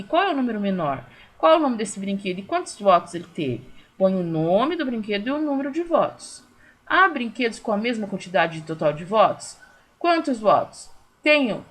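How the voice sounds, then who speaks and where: A woman with a Brazilian Portuguese accent, a primary school teacher recording a class for young children, who explains slowly and patiently and stretches words out to sound out their syllables. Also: mid-range voice, a bit bright.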